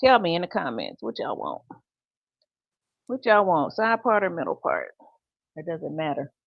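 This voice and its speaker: A woman's voice: sits low, wildly swooping pitch, moderate pace, creaky, husky, dry recording, dull audio. A woman in her fifties hosting a casual livestream while styling her hair, chatting, laughing easily and reading out viewer comments. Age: 50s. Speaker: host.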